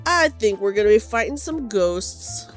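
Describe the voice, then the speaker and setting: Lively woman streaming a game. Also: medium pitch, normal speed, soft background music. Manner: expressive, informal, swearing. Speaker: streamer playing a game blind and reading dialogue aloud. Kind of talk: casual livestream chat mixed with dramatic read-aloud of game dialogue.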